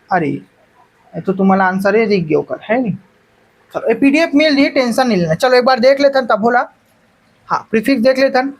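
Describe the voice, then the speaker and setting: A woman's voice: on the high side, low-quality recording. Coaxing teacher woman with a Chhattisgarhi accent. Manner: coaxing, keeps prompting students to answer. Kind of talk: online exam-prep class.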